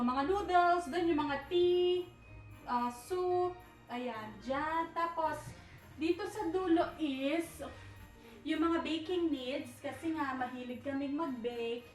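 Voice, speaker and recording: A young woman with a high-set voice, recorded from a distance, casually shows off her apartment at night for a home tour vlog. She rambles, searches for words, and mixes in English; the room echoes, she's off-mic, and faint music plays.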